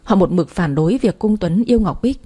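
A woman narrating a romance story in the first person. Her voice is warm, mellow and slightly breathy. She keeps an even, gentle storytelling pace. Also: medium pitch, fairly quick.

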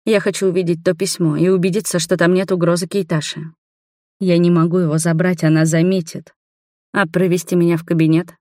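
A woman's voice: lowish voice, flat delivery, fairly quick, warm tone, dry recording, studio quality, natural voice. A woman voicing a proud, loyal female palace servant who speaks bluntly and formally, in an audiobook. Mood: guarded.

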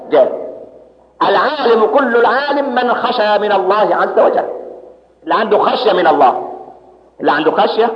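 Egyptian guy preaching fast, high-ish voice, acts out the back and forth, echoey muffled hall tape. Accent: Egyptian Arabic. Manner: lively, asks the audience rhetorical questions, acts out dialogues. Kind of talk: sermon. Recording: echoey hall, dull lo-fi audio.

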